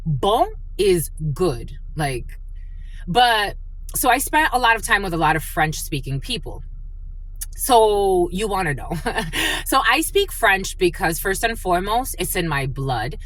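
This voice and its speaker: A Spanish-speaking woman of Dominican family, running a spiritual channel, opens with a prayer, then chats through a tarot reading, rambling with many fillers. Her mid-range, fairly bright voice is very animated yet a little slow. The recording quality is low.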